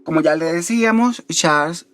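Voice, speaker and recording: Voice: medium pitch, moderate pace, faint music behind. Chatty podcast host. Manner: chatty and digressive, with wry humorous asides. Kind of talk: informal educational podcast talk.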